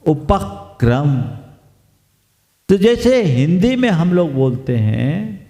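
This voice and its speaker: A male monk delivers a sermon at a slow, deliberate pace, stopping to quiz his audience. His voice is dark and gravelly. It rings out with a long reverb in a hall. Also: high voice, big pitch swings. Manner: slow, teacherly, quizzes the audience. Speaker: Jain monk preacher. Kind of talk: sermon discourse.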